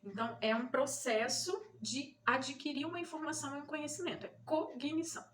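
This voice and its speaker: In a high, steady voice at a brisk clip, with a faint hiss or hum underneath, a Brazilian mother and channel host teaches parents what certain terms mean. She repeats the essentials and regularly checks in using "né?" and "tá?".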